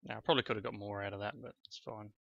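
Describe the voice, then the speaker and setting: This let's play host talks very fast in a lowish, gravelly, slightly bright voice with fairly even intonation and no echo. He's catching a cold, and his casual gameplay commentary rambles and self-corrects. The slightly dull lo-fi recording has faint background music.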